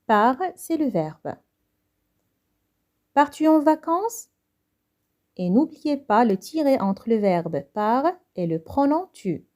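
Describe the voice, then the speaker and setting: A woman's voice: a little high, dark tone. Moroccan woman teaching French grammar. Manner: repeats each French point in Moroccan Arabic, quick in Arabic, slow and careful in French. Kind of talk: grammar lesson explaining exercises.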